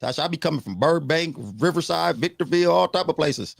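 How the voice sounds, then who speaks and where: A man co-hosting a casual live-stream podcast, trading fast, teasing banter. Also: a little high, creaky, no echo. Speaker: podcast co-host.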